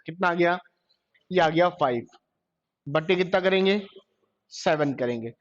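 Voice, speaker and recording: A male teacher, lecturing a classroom and asking questions that he then answers himself. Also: high voice. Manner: quizzes class, answers his own questions. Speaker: computer teacher. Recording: dull lo-fi classroom recording.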